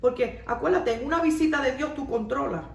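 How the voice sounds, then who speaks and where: A woman pastor preaches in an earnest, repeating cadence, weaving personal testimony into the message. Her voice sits a little high and sounds set back from the mic in an echoey room. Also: brisk, vocal fry, far from the mic. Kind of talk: radio sermon.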